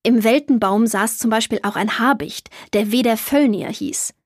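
A woman voicing a kindly, jovial old grandfather in a children's audiobook, in a warm storytelling manner. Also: a little high, moderate pace, breathy edge, no echo, clean studio sound.

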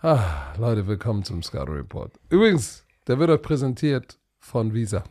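A man's voice: fairly low pitch, very animated, moderate pace, warm tone. A man hosting a podcast in a casual, chatty style. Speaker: podcast host.

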